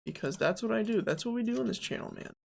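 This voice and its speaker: A man's voice: high voice, lively intonation, quick pace, creaky, darkish tone, a little hiss or hum. A young man streaming game development, chatting casually, thinking aloud and answering his chat as he models.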